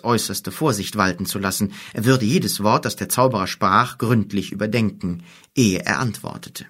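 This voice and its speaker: Male narrator, lower voice, steady scripted fantasy reading. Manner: even, measured reading. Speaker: audiobook narrator.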